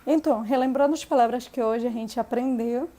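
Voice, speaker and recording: A woman from Venezuela, a native Spanish speaker, teaching a language lesson and repeating example words slowly for learners. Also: on the high side, dark tone.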